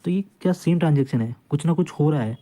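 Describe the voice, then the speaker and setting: A man's voice: fairly high pitch, fast, warm tone. A man giving an informal law lecture, explaining points by retelling cases and repeating phrases, mixing English legal terms into his talk. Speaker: law tutor.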